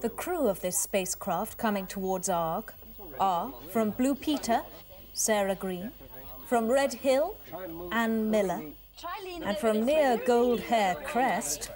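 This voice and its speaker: A woman's voice: a little high, takes it slowly, a crowd in the background. An actress playing a helpful, reassuring female alien guide in a scripted television game show. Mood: dramatic announcing. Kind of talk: scripted in-character narration and guiding.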